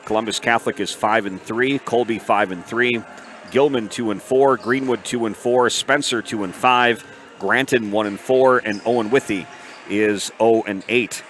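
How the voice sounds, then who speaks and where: A man's voice: on the low side, moderate pace, fairly bright tone. A man giving local pregame sports commentary as a broadcast announcer. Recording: faint gym noise behind.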